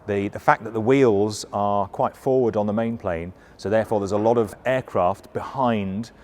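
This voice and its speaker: A middle-aged or older man giving an informal, hands-on briefing as a flight instructor, explaining in a halting, self-correcting way. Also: on the low side, darkish tone.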